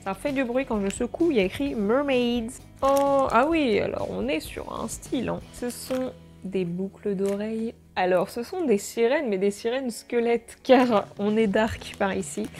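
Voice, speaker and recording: Gravelly-voiced woman doing a chatty unboxing vlog, a bit high, jokes and swears a lot. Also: a little mellow. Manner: chatty, jokey, exclamatory, swears casually. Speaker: beauty vlogger. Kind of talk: casual unboxing chat.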